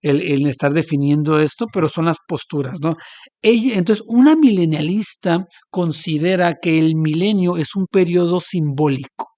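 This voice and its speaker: A man's voice: a little high, normal speed, mellow, dry recording. A man with a northern Mexican accent, a podcast guest explaining theology in an earnest, searching way. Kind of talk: casual theological discussion.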